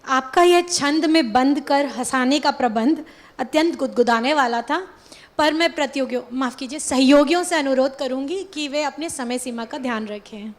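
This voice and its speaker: High-voiced woman formally hosting a stage event. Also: normal speed. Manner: polished, formal phrasing. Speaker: stage host.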